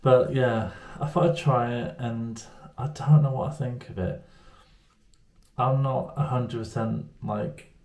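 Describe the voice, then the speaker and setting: In a small room at home, a male vlogger rambles to a camera at arm's length, making fun of himself in casual conversation. His mid-range voice is steady, a little slow and a little mellow, with a roomy echo on the recording.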